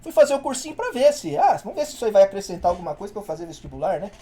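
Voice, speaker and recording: Animated, fast-talking male professor. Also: sits high. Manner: slangy, animated storytelling with acted-out quotes. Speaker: university professor. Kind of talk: casual anecdote told in class.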